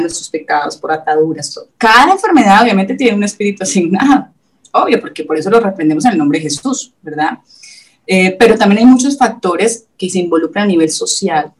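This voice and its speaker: A woman's voice: mid-range voice, recorded from a distance, rough recording. A woman in her thirties recounts her own story as an interview guest, earnest and emotional, slipping into the voices of people she quotes. Her voice sits a little back from the microphone. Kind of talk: personal faith testimony.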